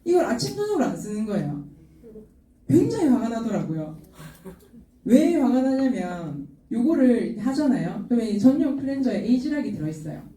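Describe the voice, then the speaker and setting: Middle-aged woman, lively seminar talk, warm low-toned voice, distant roomy hall sound. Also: brisk. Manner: animated, laughing, acts out quoted customers. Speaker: product seminar speaker.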